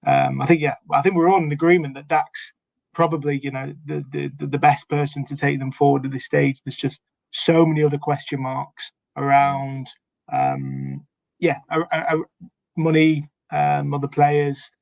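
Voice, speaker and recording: A man's voice: on the high side, normal speed, creaky, no room sound. A man co-hosting a casual sports podcast chat, hesitant with many fillers and restarts. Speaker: podcast co-host.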